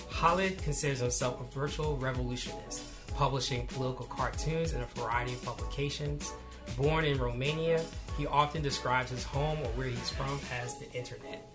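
A man hosting a podcast interview, giving measured, formal introductions and asking questions. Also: mid-range voice. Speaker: podcast host.

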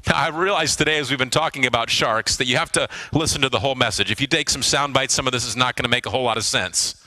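A middle-aged man, a pastor, preaching a sermon to a congregation in a church, pausing for emphasis and dropping low on key words. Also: sharp tone.

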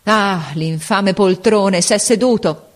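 A woman voicing a desperate male army captain who shouts urgent orders and curses under fire, read as part of a story. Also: mid-range voice, slow pace. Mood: frantic shouting.

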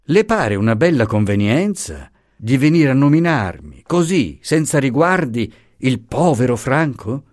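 A man reading aloud and voicing a haughty noblewoman who speaks curtly and dismissively, in slow, deliberate phrases. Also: mid-range voice, big pitch swings, a little mellow, no room sound, studio quality, voice pushed up. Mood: cold disdain. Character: haughty, cold noblewoman, a marchesa.

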